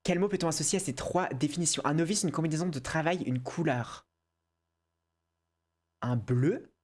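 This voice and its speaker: Low, slow woman muttering through a quiz. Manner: mutters to herself, swears, switches between French and English. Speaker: content creator. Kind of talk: casual quiz play, thinking aloud.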